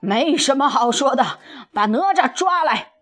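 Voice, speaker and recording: A woman's voice: sits high, lively intonation, unhurried. A woman doing a menacing dragon king. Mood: threatening. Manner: threatening and shouting. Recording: soft music behind.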